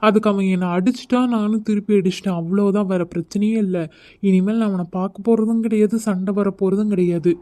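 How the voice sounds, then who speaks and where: An injured young college man in an animated series, voiced by a woman, fending off everyone's questions. The tone is mellow and warm, with short, defensive replies. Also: medium pitch, fast talker, natural voice. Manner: defensive, curt. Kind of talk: cartoon voice acting.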